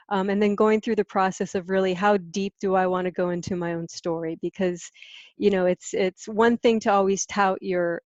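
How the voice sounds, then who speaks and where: A middle-aged American woman from Hawaii, who owns a content marketing business, answers interview questions as a guest in a candid, explanatory, conversational manner. Her voice sits on the low side and is a little mellow, with lo-fi sound and no room sound.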